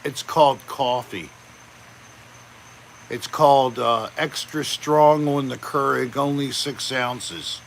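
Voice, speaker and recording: A man hosting a casual live chat, greeting viewers by name in a relaxed, chatty way. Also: mid-range voice, slow, gravelly, a little hiss or hum, low-quality recording. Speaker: livestream host.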